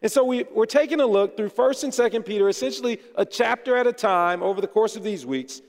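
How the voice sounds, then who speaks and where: A high-voiced man preaches in a casual, conversational way, teasing his congregation now and then. His voice rings out with a long reverb from the church hall. He sounds like a pastor at ease at the pulpit. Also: animated, fast talker, a little mellow. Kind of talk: sermon. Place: church sanctuary.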